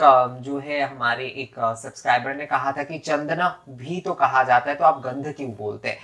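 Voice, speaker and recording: Guy walking you through a puja, explains then chants the mantras slow, lots of little fillers. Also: medium pitch, a bit bright. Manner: many fillers and restarts, addresses viewers directly. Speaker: puja instructor. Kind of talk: step-by-step ritual instruction.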